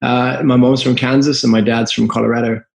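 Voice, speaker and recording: A guest entrepreneur with a Zimbabwean accent shares his story on a podcast, earnest, reflective and open. His middling-pitched voice is gravelly and edged with fry, moving little in pitch and running a little fast. The room is roomy, with a clear echo around him.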